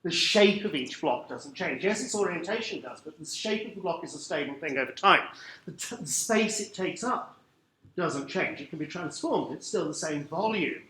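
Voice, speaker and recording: A man giving a live lecture to a room of teachers, lively and wry, putting questions to the audience. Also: a little high, normal speed. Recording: echoey room, faint background noise.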